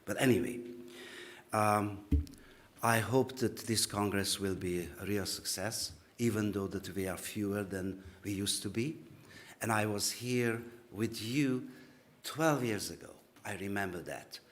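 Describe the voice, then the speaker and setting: A man giving a halting, informal welcome speech with many fillers. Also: lowish voice. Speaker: guest speaker.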